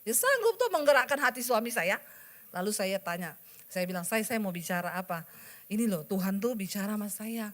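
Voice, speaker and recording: A woman's voice: medium pitch, big pitch swings, a little fast. A woman pastor preaching a sermon, telling a personal story and acting out the dialogue while speaking straight to her congregation. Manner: addresses the congregation directly.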